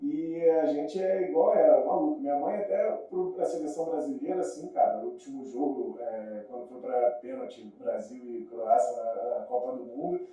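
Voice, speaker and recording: Speaking with a Rio de Janeiro Brazilian Portuguese accent, a male podcast guest chats casually and tells stories in informal, slangy language. His mid-range voice has a dark tone and a moderate pace with few pauses. The audio is muffled and distant-miked in a very echoey room.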